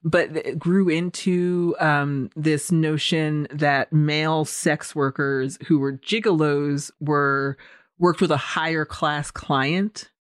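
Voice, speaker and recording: A woman's voice: deep voice, fairly even intonation, takes it slowly, dry recording, studio quality. A woman co-hosting a film podcast, giving thoughtful, explanatory commentary in a conversational way.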